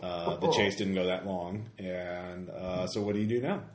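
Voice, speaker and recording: A man's voice: low-pitched, steady tone, moderate pace, reverberant, noisy background. A man running a tabletop game as game master, talking loosely with restarts and laughs. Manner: loose, stumbling, laughs often.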